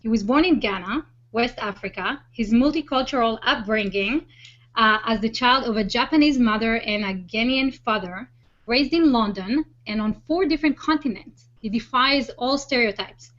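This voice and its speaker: The host of a web show, a woman with a fairly high, slightly bright voice, talks at normal speed in an enthusiastic presenting style. She handles the introduction and interview over a video hangout call whose audio is dull and lo-fi.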